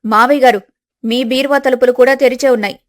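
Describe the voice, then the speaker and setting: A woman's voice: high-pitched, fairly even intonation, fast, natural voice. A woman doing a scheming, arrogant elder daughter-in-law. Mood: accusing. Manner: accusing, self-righteous.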